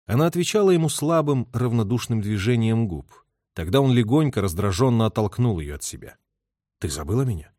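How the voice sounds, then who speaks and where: A man's voice: mid-range voice, expressive, fairly quick, a little mellow, no room sound. A man reading a novel aloud as a narrator, telling the story expressively into a close mic. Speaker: audiobook reader. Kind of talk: literary narration.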